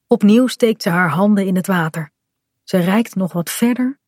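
A woman narrating a children's storybook in a clear, even storytelling manner. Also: medium pitch, moderate pace, dry recording, clean studio sound.

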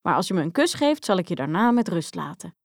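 A woman voicing a small, persistent talking frog who croaks now and then and pleads eagerly, in a storybook reading. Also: on the low side, very animated, quick pace, no room sound, clean studio sound, exaggerated voice. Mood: insistent.

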